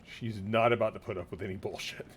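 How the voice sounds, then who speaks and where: A man's voice: lowish voice, fairly even intonation, fast, slight background noise. A man giving casual, wry let's-play commentary while playing a game. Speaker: gameplay commentator.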